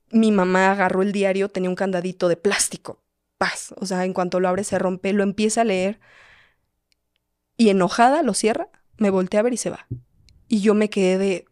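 Podcast host, young woman, halting confessional storytelling, mid pitch, dry close mic. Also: a little mellow, no room sound. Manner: quick, halting, frequent restarts and "o sea". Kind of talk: personal storytelling.

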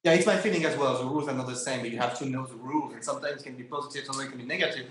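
A man hosting a conversational interview, haltingly rephrasing as he goes. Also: medium pitch, fairly bright tone, slight background noise. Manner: halting, rephrases questions repeatedly. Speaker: interview host. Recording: echoey, roomy sound.

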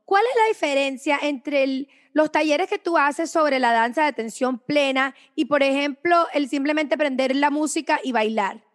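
A woman's voice: high-pitched, moderate pace, hardly any pauses. A woman hosting a podcast interview, asking questions with enthusiastic curiosity. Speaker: podcast host. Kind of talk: conversational interview.

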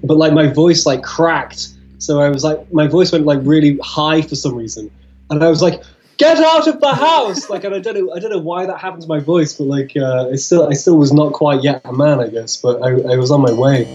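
A man telling stories in casual chat, rambling and halting, with frequent swearing. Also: on the high side, steady tone, highs cut off, a crowd in the background. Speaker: guest.

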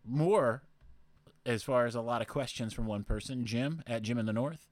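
A man's voice: medium pitch, normal speed, no echo. Chatty man host in a dry room. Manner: rambling, with fillers and restarts. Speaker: podcast host. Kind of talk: casual chat answering listener questions.

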